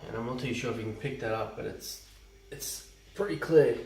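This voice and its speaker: A home brewer chats casually through a how-to video in a medium-pitched, darkish voice, talking a little fast. He rambles with lots of ums and restarts, picked up by a camera mic from a distance that sounds roomy.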